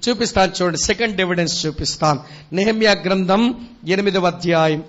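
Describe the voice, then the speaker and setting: A man's voice: high-pitched, fairly quick, fairly bright tone, dull audio. A man preaching a sermon at a retreat with a Telugu accent, reading scripture aloud and asking the audience questions. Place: retreat meeting hall.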